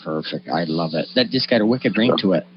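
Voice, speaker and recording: Animated, jokey man in his fifties. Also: deep voice, fairly quick, slight background noise. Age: 50s. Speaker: radio show co-host. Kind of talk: casual radio banter. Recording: dull lo-fi radio audio.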